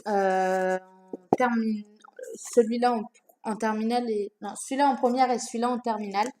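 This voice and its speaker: A woman's voice: a little high, steady tone, moderate pace, dark tone, a little hiss or hum. A young woman talking casually to camera about her books, with many fillers and self-corrections, recorded at home. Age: young adult. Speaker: book vlogger. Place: room at home.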